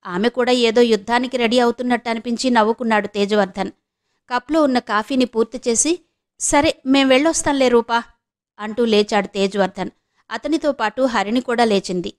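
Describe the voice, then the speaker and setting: A woman reading a novel aloud as an audiobook narrator, in a steady storytelling manner. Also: a little high, fairly quick.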